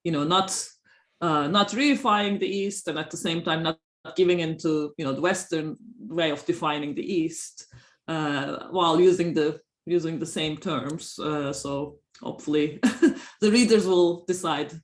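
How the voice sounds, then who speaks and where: A woman's voice: low voice, unhurried. A woman from Turkey, a professor and author, giving interview answers in a hesitant way with many fillers and small laughs. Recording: roomy echo.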